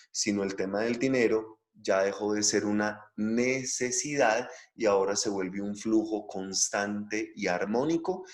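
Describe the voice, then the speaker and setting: A middle-aged man from Latin America delivers a spiritual talk in a lower-pitched voice. He is emphatic and repeats key phrases to drive them home. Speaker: spiritual teacher. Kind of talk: lecture-style spiritual talk.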